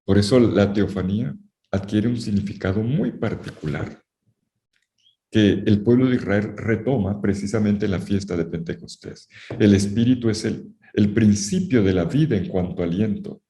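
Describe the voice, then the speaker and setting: Guy giving a bible lecture, lowish mellow voice, keeps repeating stuff for emphasis, echoey room. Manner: emphatic, repeats key phrases; addresses students directly.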